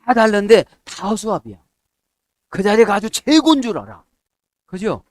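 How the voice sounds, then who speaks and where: A middle-aged man preaching a sermon as a pastor, checking in with his listeners and acting out quoted prayers in a softer, lower voice. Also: sing-song, moderate pace, no echo. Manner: asks the congregation "에?" to check agreement.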